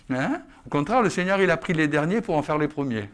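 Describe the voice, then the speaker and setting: A male pastor gives a sermon in a conversational, animated way. His voice sits fairly high, swings widely up and down, and keeps pulling the congregation in with quick "hein?" asides and laughs. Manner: lively, chatty preaching with frequent "hein?" tags and laughter. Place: church service with a congregation.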